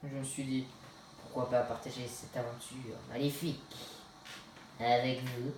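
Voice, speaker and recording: A man's voice: mid-range voice, little pitch movement, normal speed. A man giving casual, rambling commentary on his own game, often correcting himself as he talks, recorded on a phone filming the screen in a room. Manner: rambling, self-correcting, chatty. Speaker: let's play gamer. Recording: roomy distant phone recording, faint hiss.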